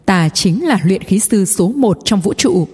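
A woman voicing a boastful, excitable old puppet who declaims proudly in an audiobook story. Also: mid-range voice, a little slow, husky. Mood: indignant. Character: boastful, indignant old puppet, self-proclaimed master artificer. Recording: long hall reverb.

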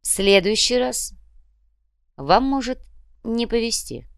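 A woman voicing a stern male commissar who speaks slowly and with measured displeasure. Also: on the high side, animated, dry recording, studio quality, pitched above the performer's own voice. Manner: slow and measured.

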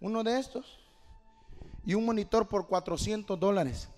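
A man pastor preaching a sermon, moving from quiet talk to shouted fervor and often calling the listener "mi hermano". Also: high voice, normal speed, soft background music. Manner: peppers lines with "mi hermano". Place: church hall. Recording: long hall reverb.

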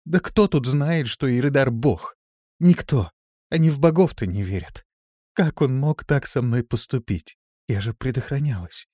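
A man's voice: medium pitch, animated, unhurried, mellow, no echo, clean studio sound, pitched above the performer's own voice. A man voicing a despairing young female elf noble in an audiobook, with a trembling delivery. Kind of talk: audiobook character voice.

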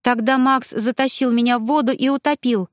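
Shrill, agitated ghost wife, high and loud, as the narrator puts her on. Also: brisk, no room sound, clean studio sound, close to an everyday voice. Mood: distraught. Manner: excited, exclaiming.

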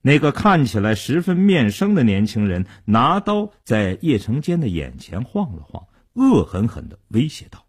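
A male storyteller narrates a crime tale with a husky voice and big swings of pitch. His radio storytelling is dramatic and animated, rising and falling with the action. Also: moderate pace, few pauses.

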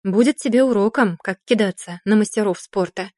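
A woman's voice: medium pitch, brisk, dark tone, no room sound, studio quality, natural voice. A woman reading the lines of a sarcastic young man, the heroine's fiancé, in an audiobook. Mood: sneering.

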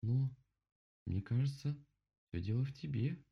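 A man voicing a gentle, patient female bear in a children's story, calm and careful. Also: mid-range voice, a little slow, creaky, slightly rough, voice pushed up, exaggerated voice. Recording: dull lo-fi recording.

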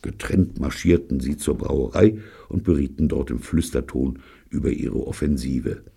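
A man's voice: very deep voice, normal speed, creaky, warm tone, husky. An older man narrating an audiobook in a dry, wry storytelling manner. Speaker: audiobook reader.

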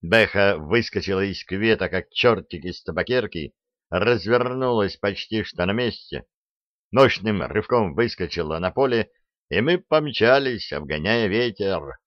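A man reading a first-person audiobook as narrator, telling it in a lively, expressive way. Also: on the low side, measured pace, no room sound, highs cut off.

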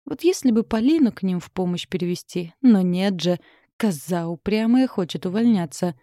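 A woman narrating an audiobook in a steady, measured reading. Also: medium pitch, no room sound, clean studio sound.

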